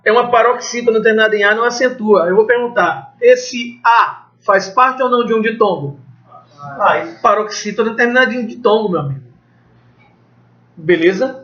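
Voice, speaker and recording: Running an exam review, a teacher speaking Brazilian Portuguese fires off questions and answers them himself, loose and conversational with occasional casual cursing. His voice is very high and bright, while the recording has a dull, lo-fi quality.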